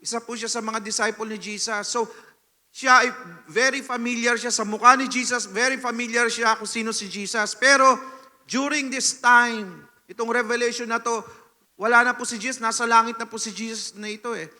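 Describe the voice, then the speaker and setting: A Filipino man preaching a sermon as pastor, telling a personal testimony with animated storytelling and frequent "no?" tag questions, swinging between loud and hushed. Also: very high-pitched, normal speed. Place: church hall. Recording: long reverb of a church hall.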